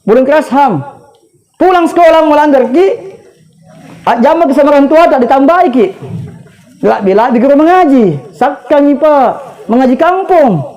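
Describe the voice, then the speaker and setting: A man's voice: extremely high pitch, animated, moderate pace, long pauses, darkish tone, low-quality recording. A man, giving a humorous condolence sermon and often turning to the audience with jokes. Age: 30s. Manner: joking, chatty, addresses the audience directly, laughs at his own stories. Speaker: preacher.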